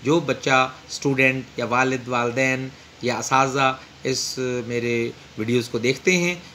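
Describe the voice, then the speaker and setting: A man teaching an English textbook lesson, reading English slowly and explaining in Urdu with frequent pauses. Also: medium pitch, fairly even intonation, sharp tone, a little hiss or hum.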